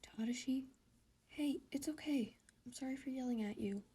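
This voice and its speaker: Woman whispering as a gentle teenage boyfriend, whispered role-play. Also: high voice, normal speed, husky. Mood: tender. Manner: soft, soothing, reassuring.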